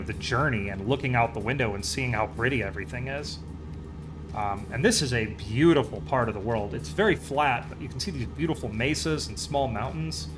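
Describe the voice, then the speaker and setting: Easygoing man livestreaming, music behind. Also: mid-range voice. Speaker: live streamer. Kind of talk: casual chat while playing a flight simulator.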